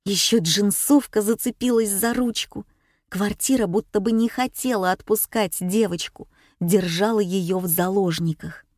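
A woman's voice: mid-range voice, normal speed, darkish tone, dry recording, studio quality. A woman reading a story aloud, narrating an audiobook. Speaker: audiobook reader.

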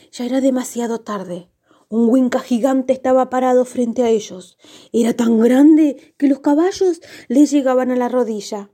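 A woman storyteller reading a children's tale for the radio. Her voice is mellow and slightly high, and she tells the story gently and expressively.

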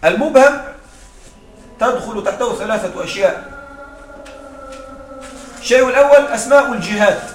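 A man's voice: very high-pitched, lively intonation, moderate pace, pauses often, soft background music. A man teaching Arabic grammar to a class, explaining rules through examples and checking whether students follow. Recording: echoey room with faint noise.

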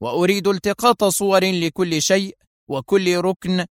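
Man doing cold stern spymaster, commanding, menacing, raised pitch, dry close sound. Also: normal speed, dry recording, lightly acted. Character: cold stern male intelligence officer.

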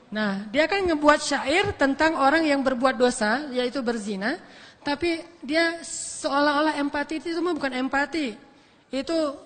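High-voiced man preaching with a lilt. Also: a bit bright. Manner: conversational and joking, with rhetorical questions. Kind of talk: casual storytelling sermon. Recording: echoey hall.

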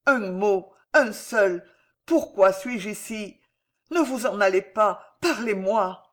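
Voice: mid-range voice, lively intonation, a little slow. A reader doing a desperate young prisoner. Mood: pleading. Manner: pleading, then raging and loud. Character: desperate young male prisoner, proud and fiery.

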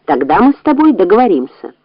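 A woman lowering her voice to play a stern farmer from a storybook, firm and scolding, with a lively, rising and falling delivery. The recording is dull and dry. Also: fast talker, no echo. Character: stern farmer master of the house, blunt. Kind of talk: storybook reading.

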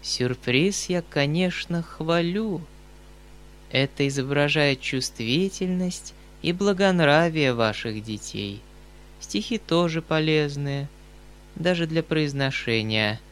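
Слабый, жеманно-страдальческий ханжа средних лет, мужского пола, которого озвучивает чтец; поучающий тон, речь протяжная. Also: male voice, fairly high pitch, expressive, slow, a bit bright. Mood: wounded. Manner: weak, martyred, preachy. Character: sanctimonious middle-aged male hanger-on, feebly self-pitying.

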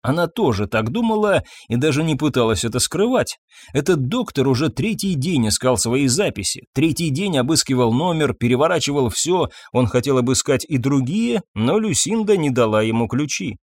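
A man narrating a dark story as a scripted audiobook, dramatic and expressive, recorded close on a studio mic. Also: medium pitch, moderate pace, dry recording.

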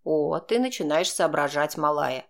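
A woman voicing a calm, mocking, manipulative man who blackmails, speaking slowly in a cold, sneering way. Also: deep voice, vocal fry, voice pushed down, full character voice. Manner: slow, sneering, coldly composed.

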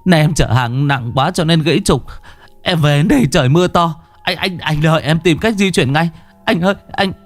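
A man's voice: a little high, a little fast, soft background music, voice pushed up, natural voice. A man doing a stammering, timid rickshaw man. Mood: pleading.

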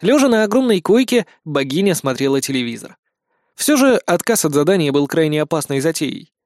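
A man narrating an audiobook in a lively, expressive way. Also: on the high side, a little fast, dry recording, studio quality. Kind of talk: scripted narration.

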